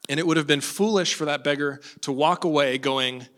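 Male preacher, sermon, storytelling, acts out quotes, fairly high voice. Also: fairly quick. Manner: animated storytelling with acted-out quotes.

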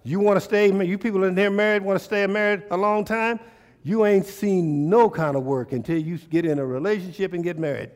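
A man's voice: sits high, brisk. An American man preaching a sermon conversationally and emphatically, repeating phrases and putting questions to his listeners. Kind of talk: sermon with call and response.

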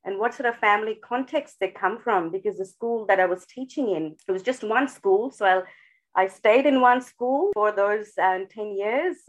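Speaking at a normal speed with a medium-pitched voice, a woman educator from India gives thoughtful answers as a podcast interview guest. She restarts frequently and leans on fillers, and the recording quality is rough.

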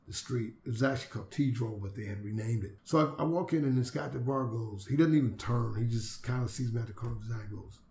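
A man, a jazz bass player, telling stories and acting out the voices of the people in them, laughing now and then. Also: fast talker, hardly any pauses, darkish tone. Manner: acts out the voices of people he quotes, laughs often. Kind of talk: anecdotal storytelling. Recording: roomy echo.

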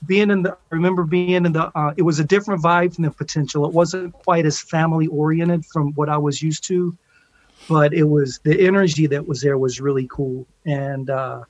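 A man with a slightly high voice talks casually as an interview guest. His delivery is informal and laid-back, like someone reminiscing with a friend. The sound is a little dull, as on an online call. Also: steady tone, moderate pace, dry recording. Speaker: interview guest, steel pan musician.

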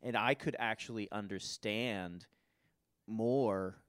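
A low-pitched man hosts a relaxed conversation and tells stories at length. The recording is close and dry, with no room sound behind him. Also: slow pace, clear, resonant tone, no echo. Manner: storytelling, talks in long runs. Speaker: podcast host. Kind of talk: casual chat.

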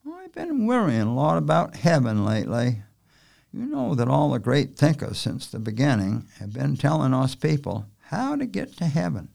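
A man's voice: mid-range voice, wildly swooping pitch, moderate pace, creaky, a little mellow, full character voice. A man reading a novel aloud, voicing an older island man who rambles and wonders aloud in a folksy way. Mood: musing. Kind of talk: audiobook character voice.

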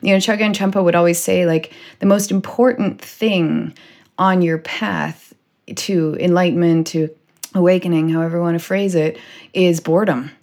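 A woman's voice: fairly low pitch, steady tone, moderate pace, darkish tone. A woman hosting a casual podcast conversation, rambling with lots of "like" and "you know". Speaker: podcast host.

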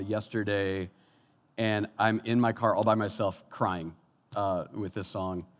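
Animated fifty-something man preaching in a hall. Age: 50s. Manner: animated, swings from soft and low to loud and high. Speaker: pastor. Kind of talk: sermon. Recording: long hall reverb.

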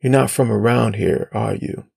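Audiobook brief: a man voicing a threatening male scavenger, low, gravelly, softly coaxing. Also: steady tone, normal speed, heavily acted. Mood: gruff. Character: menacing armed male scavenger, sly and threatening.

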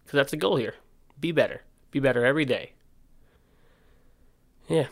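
A man's voice: medium pitch, expressive, normal speed, vocal fry. A man talks into his podcast in a loose, informal way. His missing front teeth give his speech a slight lisp. He rambles candidly and often cuts himself off to rephrase. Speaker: podcast host and skate park owner. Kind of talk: casual solo podcast talk.

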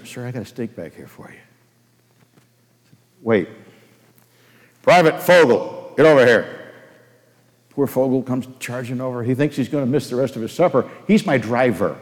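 Older man, pastor, folksy storytelling sermon, middle-pitched voice, long hall reverb. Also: a little mellow. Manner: folksy, anecdotal, asks the congregation questions. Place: church sanctuary.

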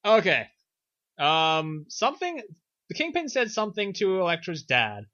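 A young man with a bright, forceful voice recapping a film in casual chat, sarcastic and animated, throwing in silly voices. He sits a little high for a man. The recording is dull, lo-fi and dry. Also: moderate pace, dry recording. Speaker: podcast co-host.

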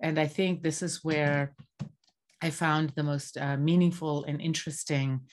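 Low-voiced woman, academic and measured. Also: fairly even intonation. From Bangladesh. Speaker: geography professor, interview guest. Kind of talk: interview answer.

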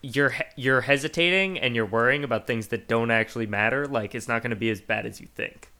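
A man's voice: mid-range voice, fairly quick, sharp tone. A man co-hosting a podcast in casual chat, self-deprecating and full of "like" fillers. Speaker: podcast co-host.

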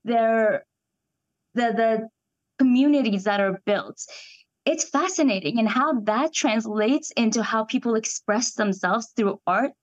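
With a slightly high voice at a measured pace, this young actress, born in Iran and raised in Canada, reflects on her work in an interview. She's thoughtful and eager, sometimes hunting for the right words, and the recording has its highs cut off.

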